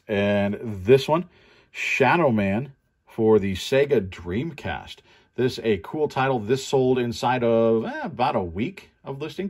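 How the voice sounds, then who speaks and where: An online reseller with a mid-range, breathy-edged voice goes through his sales in casual show-and-tell commentary. His manner is informal and conversational.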